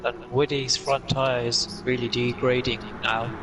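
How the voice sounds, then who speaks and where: A man's voice: mid-range voice, flat delivery, a little slow. A man co-commentating live on a sim motor race, calling moves as they happen. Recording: distant mic under loud car noise.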